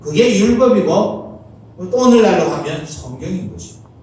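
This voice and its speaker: A man's voice: high voice, big pitch swings, brisk, dark tone. A middle-aged man preaching a Sunday sermon as pastor, earnest, asking rhetorical questions. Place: church sanctuary. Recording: very echoey church hall, mic at a distance.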